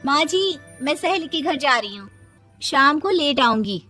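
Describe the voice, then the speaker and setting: A woman voicing a carefree, devout young daughter-in-law in an animated moral story, sassy and unbothered by criticism. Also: high-pitched, a little slow, faint music behind, voice pushed up, heavily acted. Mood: pleading. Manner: bright, sassy, brushing off criticism.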